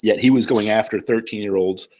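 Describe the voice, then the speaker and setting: A man with a cold and a nasal voice, casually reading and bluntly answering viewer comments on his channel, clearing his throat often. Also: fairly low pitch, fairly even intonation, a little fast, darkish tone, a little hiss or hum. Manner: blunt, profane, conversational, frequent throat-clearing. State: congested, sick with a cold.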